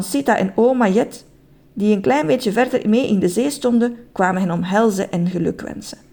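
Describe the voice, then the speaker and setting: Creaky-voiced woman reading a children's story. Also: fairly high pitch, dark tone. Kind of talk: children's story read aloud.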